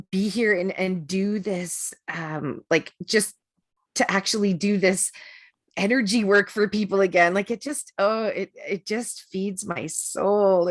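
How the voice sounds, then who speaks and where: A woman teaching an online energy work class, chatty and rambling with many fillers, over a video call. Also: mid-range voice. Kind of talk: casual online class talk.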